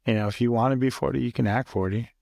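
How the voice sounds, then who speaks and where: A man's voice: mid-range voice, fairly even intonation, racing, creaky, a little mellow, no room sound. A man in his early forties, a podcast guest, telling stories in an easygoing way with many fillers and restarts. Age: 40s. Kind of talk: casual conversation.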